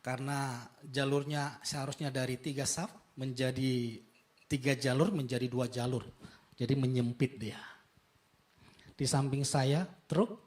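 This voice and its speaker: A male pastor delivering a sermon, telling a story with dramatic swings from hushed to impassioned. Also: mid-range voice. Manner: dramatic, moves from soft hushed tones to loud impassioned climaxes.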